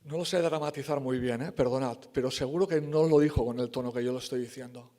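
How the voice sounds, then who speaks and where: A man's voice: medium pitch, steady tone, quick pace, dark tone. A man preaching a sermon in church, emphatic and conversational, correcting himself and acting out the quoted lines.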